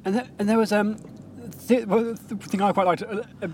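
Fast-talking, high-voiced man. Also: fairly even intonation. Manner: laughing, stumbling, chatty. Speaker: host. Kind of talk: casual chat. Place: in a car in city traffic. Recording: car and street noise.

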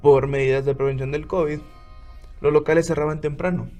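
A man giving scripted narration of a scary story in a measured storytelling manner. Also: on the high side, steady tone, dark tone, soft background music.

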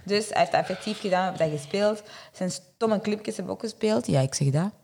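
A young woman, chatting as a radio guest and talking with lively animation. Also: medium pitch, brisk, vocal fry, breathy edge. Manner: animated, mimics people she quotes. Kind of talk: casual chat.

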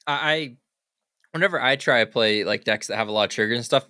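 A man hosting a podcast in casual chat, relaxed and quick to laugh lightly, with short agreeing replies. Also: medium pitch, no echo, clean studio sound. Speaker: podcast host.

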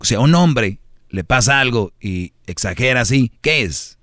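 A man's voice: medium pitch, expressive, measured pace, fairly bright tone, no echo, studio quality. A man hosting a radio show, arguing and teasing his co-host in casual banter. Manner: teasing, sarcastic, argumentative.

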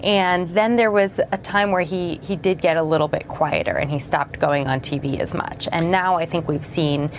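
A woman reporter with a notably low voice answers an anchor's questions in a measured, explanatory way over a remote feed. Faint background noise sits under her speech. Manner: measured, explanatory, with occasional fillers. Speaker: newspaper reporter as guest. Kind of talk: news interview answers.

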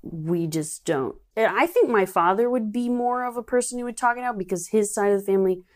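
A woman's voice: mid-range voice, fairly quick. A woman guest on a podcast, speaking in a reflective, frank and easygoing way about her relationship. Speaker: podcast guest, bookstore co-owner. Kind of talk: casual conversational interview.

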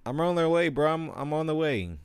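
A man's voice: expressive, brisk, smooth, no echo, natural voice. A man imitating a flaky young male friend who keeps repeating that he is on his way. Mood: breezy. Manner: casual, repetitive, higher put-on voice.

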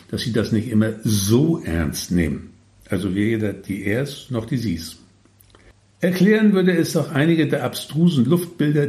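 A man's voice: mid-range voice, darkish tone, echoey room. A man reading his own humorous story with wry, tongue-in-cheek asides.

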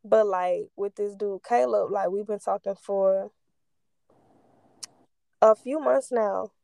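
Stoned, rambling young woman with creaky voice. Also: mid-range voice, slow pace, warm tone, no echo. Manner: stoned, rambling and losing her thread; candid, slangy, swearing freely. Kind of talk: casual personal storytelling.

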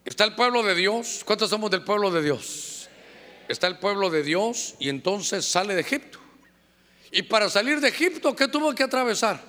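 High, bright pastor preaching. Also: male voice, lively intonation, moderate pace. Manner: fervent, rhetorical questions to congregation. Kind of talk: sermon. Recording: echoey church hall reverb.

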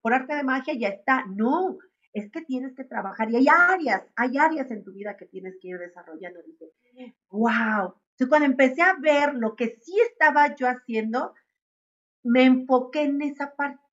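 A woman with a Mexican accent speaks in a higher voice as an interview guest, telling her story in a lively way and playing out what she thought back then. The audio is dull and lo-fi. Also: normal speed. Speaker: guest, entrepreneur and doctor.

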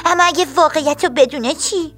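A woman voicing a young hyena girl in a storybook, high and pleading. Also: fairly bright tone, faint music behind. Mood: worried.

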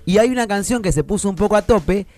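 A man's voice: high voice, lively intonation, quick pace, a little mellow, soft background music. Chatty man with a rioplatense accent. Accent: Rioplatense Spanish. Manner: chatty, enthusiastic, many fillers and restarts. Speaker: radio host. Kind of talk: casual radio chat about children's music.

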